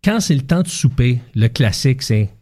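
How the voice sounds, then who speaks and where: A man with a Québécois accent talks through relationship advice in a relaxed conversation. His tone is mellow and dark, and he keeps acting out little scenes to make his point, restarting his sentences as he goes. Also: medium pitch, moderate pace, slightly rough. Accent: Québécois French. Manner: explains with concrete examples and acted-out quotes. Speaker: guest relationship advisor. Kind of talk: casual explanatory chat.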